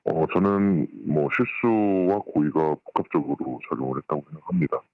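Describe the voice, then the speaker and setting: A voice pushed artificially deep by pitch-shifting to hide who is speaking, sitting at the very bottom of the range. It arrives thin and narrow over a phone line, dry and close. The speaker explains things step by step, calmly, with hesitant fillers between thoughts. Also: moderate pace, no room sound. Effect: voice deepened by pitch-shifting disguise. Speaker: anonymous former employee interviewed by phone. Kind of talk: interview answers.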